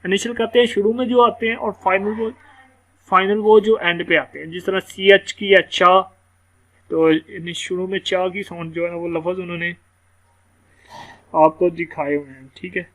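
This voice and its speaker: A man giving a casual phonics lesson, explaining word sounds and slowly spelling out examples. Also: sits high, level tone, fairly bright tone. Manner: casual, explanatory, repeats words slowly letter by letter. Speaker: English teacher. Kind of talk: screen-share phonics lesson.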